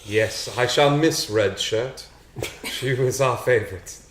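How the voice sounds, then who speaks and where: A man's voice: medium pitch, takes it slowly, fairly bright tone. A man playing a tabletop game, bantering casually in a wry, joking way. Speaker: player on tabletop game show. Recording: echoey room, clearly noisy background, clicks.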